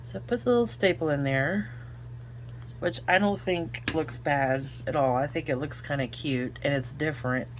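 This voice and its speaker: Speaking at a moderate pace in a low-pitched voice, this Oklahoma-accented craft host talks her way through a tutorial and thinks out loud while she works. She's from Oklahoma in the United States, and the recording carries a slight hiss or hum.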